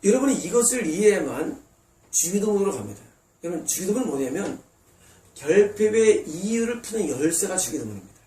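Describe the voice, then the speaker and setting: A man's voice: sits high, very animated, a little fast, dark tone. A man preaching a sermon as pastor, emphatic, acting out God and congregants in short quoted asides. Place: church sanctuary. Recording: roomy distant church recording.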